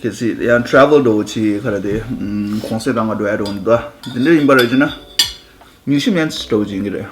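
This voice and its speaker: A man's voice: on the low side, moderate pace, faint music behind. A man born in India chatting casually with his wife, slipping English words into his talk. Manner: relaxed, mixes English words into Tibetan. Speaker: husband in a couple's vlog. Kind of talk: casual chat.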